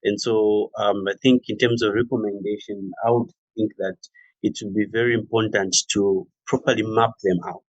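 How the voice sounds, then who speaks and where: A man giving a formal, measured submission in an online webinar, with hesitant phrasing. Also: on the low side, level tone, no echo. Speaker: workshop participant. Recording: dull, dry online call audio.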